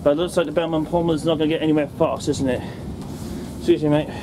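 A railway enthusiast filming his trip chats fast with a friend inside a heritage train carriage, tacking tag questions onto his remarks in a steady tone. He's recorded on a handheld phone camera with loud train rumble behind.

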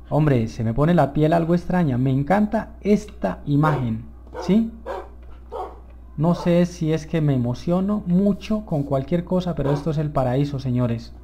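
A young man talks his viewers through a survival game with a gravelly, fry-laden voice that sits fairly high for a man. His tone is dark and mellow, yet he keeps breaking into excited exclamations. A faint hiss of background noise sits under his words. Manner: enthusiastic, easily excited, addresses viewers as "señores". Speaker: gameplay video host. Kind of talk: live gameplay commentary.

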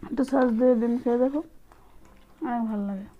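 A woman's voice: fairly high pitch, rapid-fire. A woman mukbang vlogger chatting casually while chewing food. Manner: chatty, coaxing viewers to comment. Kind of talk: casual eating vlog chat. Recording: dull lo-fi sound.

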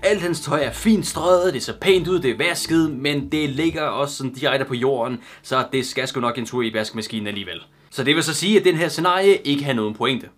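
A man's voice: mid-range voice, hardly any pauses, fairly bright tone, soft background music. A man giving crude, sarcastic comic commentary while reading a children's book aloud as a YouTuber.

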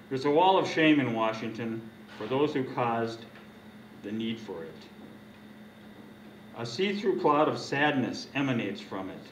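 A man's voice: mid-range voice, slight background noise. Older man reading poetry in a roomy venue. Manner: earnest, indignant, halting restarts. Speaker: poet at open mic. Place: dark stage of a small venue. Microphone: stand mic, recorded from a distance. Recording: distant roomy venue recording, dull sound.

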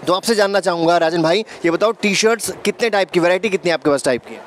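A man in his thirties with a slightly high voice shows viewers around a garment shop, talking into a handheld mic. He keeps it lively and repeats each price back to the camera. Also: quick pace, a little hiss or hum. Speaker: host showing a wholesale shop. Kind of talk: energetic shop-tour presenting. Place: indoor garment shop and office.

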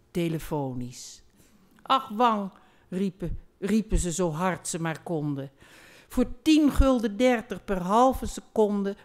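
Older woman reading poetry aloud, slow. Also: fairly low pitch. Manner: chatty, self-deprecating, lively when reading dialogue. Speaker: poetry reader on stage. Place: theatre stage.

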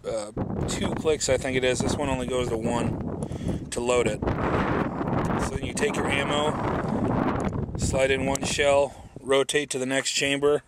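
A man in his thirties giving a casual, plainspoken, unhurried demonstration to camera as a video host. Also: mid-range voice, little pitch movement. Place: outdoors at a windy dirt shooting range. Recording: very loud wind noise on microphone. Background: loud wind.

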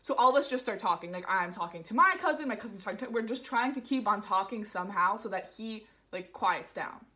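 A woman's voice: medium pitch, lively intonation, a little fast, few pauses, sharp tone. A young woman from the New York area telling a casual vlog story, rambling and full of "like" fillers. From New York area, USA. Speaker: vlogger.

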